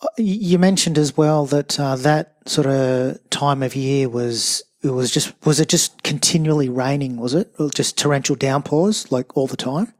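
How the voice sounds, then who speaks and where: A man's voice: mid-range voice, moderate pace. A man hosting a podcast, reading a support message and asking hesitant, rephrased questions. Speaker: podcast host. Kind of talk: podcast host read and interviewing.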